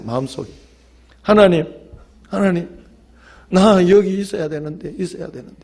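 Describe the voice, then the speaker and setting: A man's voice: medium pitch, warm tone, husky. A male pastor with a Gyeongsang accent, preaching an evening sermon in a church and telling stories with emphatic appeals to the congregation. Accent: Gyeongsang Korean. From Gyeongsang region of Korea. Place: church sanctuary.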